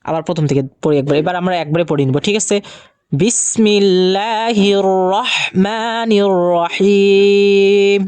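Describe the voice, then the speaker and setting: A man teaching Quran reading, patiently asking questions and answering them himself, and slowing to a drawn-out chant when he recites verses. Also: fairly high pitch, steady tone, darkish tone, no echo. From Bangladesh. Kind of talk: recorded Quran recitation lesson.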